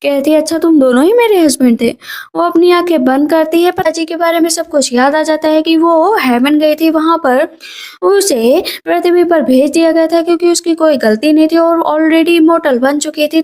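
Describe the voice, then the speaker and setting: A woman narrating a drama's plot in a quick, lively retelling, slipping characters' lines into her narration. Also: very high-pitched. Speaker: movie recap narrator. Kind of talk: storytelling plot recap.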